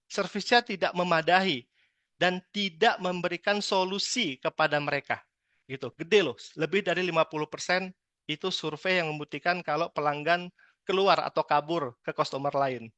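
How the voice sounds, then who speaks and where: A man from Medan giving a lively training talk on customer service, acting out customers now and then. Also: a little high, normal speed, dry recording. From Medan, Indonesia. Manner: lively, chatty, acts out customer lines. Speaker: sales trainer.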